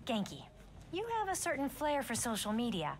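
High-voiced, curious game mom. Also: female voice, huge pitch swings, moderate pace, slight background noise. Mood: curious, friendly. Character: warm, curious mother at family dinner. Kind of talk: natural video game dialogue.

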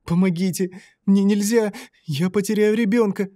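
A man's voice: high voice, fairly even intonation, a little slow, dark tone, no room sound, clean studio sound, voice pushed up. A man voicing a frightened pregnant young woman who pleads and trembles for her life. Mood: pleading.

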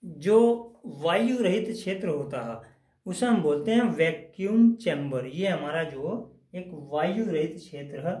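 A man's voice: a little high, animated, a little slow, mellow, roomy sound. A man teaching a technical lesson at a whiteboard, explaining step by step and repeating phrases as he goes. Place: indoors at a whiteboard.

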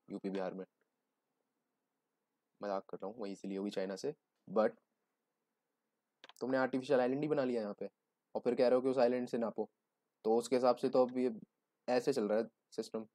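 A man's voice: on the low side, warm tone. A young man giving a joking, conversational exam-prep lecture, explaining with everyday examples. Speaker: teacher.

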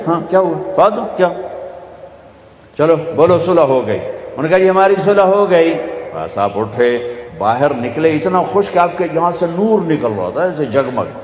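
A man with a Pakistani Punjabi accent preaching a sermon, telling stories and acting out the dialogue himself. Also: high voice. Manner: storytelling, acts out dialogue, switches into Punjabi for punchlines. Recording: echoey hall, faint ambience.

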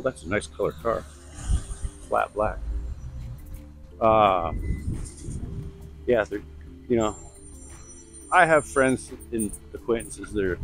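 A man's voice: medium pitch, poor audio. A middle-aged man rambling bluntly in a casual walk-and-talk vlog, recorded outdoors on a lapel mic. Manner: rambling, chatty, blunt asides. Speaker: vlogger. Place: outdoors on suburban streets. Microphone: lavalier mic.

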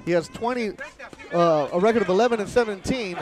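A man's voice: high voice, brisk. A man hosting casual, bantering boxing commentary from outdoors at ringside. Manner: bantering, informal. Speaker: boxing commentator, lead host. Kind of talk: casual sports broadcast commentary.

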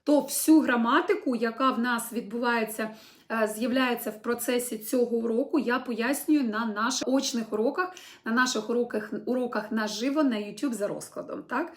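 A young woman with a high voice runs an online language lesson. She explains each phrase word by word and models it slowly and brightly for her students to repeat. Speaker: French teacher.

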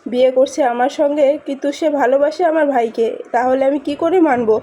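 A woman's voice: high-pitched, fairly quick, mellow, a little hiss or hum, close to an everyday voice. A woman voicing a reluctant young husband who pleads with his mother, in a spoken drama recap. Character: troubled young husband, torn and sullen.

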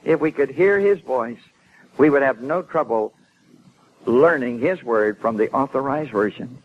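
Man preacher, mid-pitched, emphatic, stammering restarts, old muffled tape. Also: animated, unhurried, a little hiss or hum. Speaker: preacher and former Bible translator. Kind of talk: informal sermon talk to a congregation.

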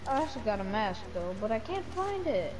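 Girl gamer chatting casually, animated pitch, loud music in the back. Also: fairly quick, rough recording. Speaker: fellow online player. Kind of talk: casual game chat.

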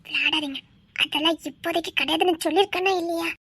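A woman's voice: extremely high pitch, steady tone, fast talker, a bit bright, no echo, studio quality. A woman with a Tirunelveli Tamil accent playing a shy young office clerk who stammers and protests playfully. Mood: coy protesting. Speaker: office employee. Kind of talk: village web-series acting.

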